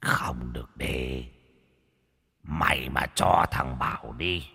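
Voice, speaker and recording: A man voicing a vengeful ghost in a narrated ghost story, talking low, slow and threatening. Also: creaky, pushed and bright, slightly rough, big-room sound, exaggerated voice. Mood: menacing. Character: vengeful drowned ghost, menacing male spirit.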